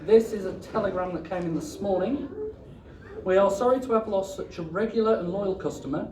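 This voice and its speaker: A man's voice: high voice, brisk, crowd noise. A British man giving a joking best man's speech at a wedding reception, partly reading aloud. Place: wedding reception before guests. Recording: echoey, distant, noisy event room recording.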